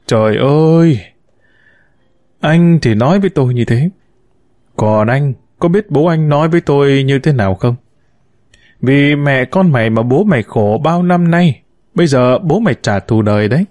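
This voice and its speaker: A man's voice: mid-range voice, lively intonation, moderate pace, no echo, clean studio sound, close to an everyday voice. A man voicing a bitter, wounded middle-aged mother who reproaches and laments to her son in an audiobook story. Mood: outraged. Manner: reproachful, lamenting, sharp-tongued.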